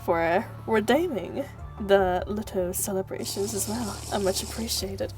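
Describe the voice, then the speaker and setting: This woman speaks at medium pitch and normal speed, though the audio quality is poor and music plays behind her. Streaming a game live, she chats playfully with viewers, giggles, thanks them, reads the story text, and exclaims in mock scolding.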